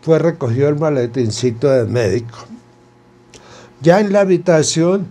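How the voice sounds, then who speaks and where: A man's voice: on the high side, expressive, unhurried, dark tone. A man narrating a folk tale in a dramatic, repetitive storytelling manner.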